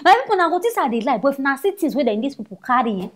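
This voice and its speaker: A woman's voice: sits high, rapid-fire, noisy background. A woman with a Nigerian accent giving casual, scolding commentary as a vlogger. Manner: animated, scolding.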